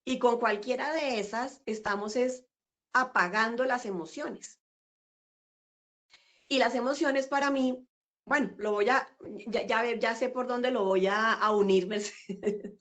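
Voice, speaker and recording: A woman's voice: fairly high pitch, fairly even intonation, unhurried, pauses often. A middle-aged woman, talking reflectively as a guest in an interview over a video call. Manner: warm, reflective, with frequent fillers and laughs. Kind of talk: casual interview conversation.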